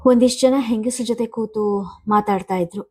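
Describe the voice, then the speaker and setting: A calm elderly husband, quietly troubled but reassuring, voiced by a woman reading the story. He speaks in a subdued, steady way. It is plain storybook narration. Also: a little high, moderate pace, breathy edge.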